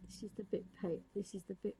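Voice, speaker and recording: A woman's voice: mid-range voice, flat delivery, quick pace, mellow, slight background noise. A woman giving a casual, unscripted art tutorial, musing and thinking aloud as she draws. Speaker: digital art tutorial presenter. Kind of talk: casual, unscripted demonstration commentary.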